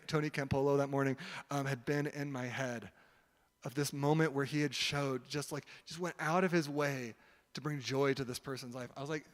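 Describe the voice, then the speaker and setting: A man preaching a sermon in a relaxed, conversational way, telling a story with lots of "like" and "um". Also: on the high side. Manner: conversational, heavy use of "like" and "um". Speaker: pastor. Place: church hall. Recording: long hall reverb.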